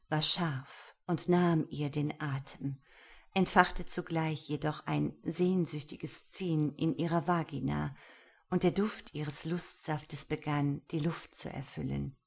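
Low gravelly woman narrating. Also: darkish tone. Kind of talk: audiobook narration.

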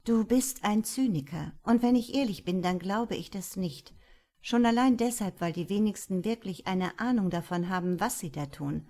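A woman's voice: mid-range voice, lively intonation, moderate pace, dark tone. A woman voicing a thoughtful, earnest female police detective in a crime audiobook, speaking firmly and reproachfully.

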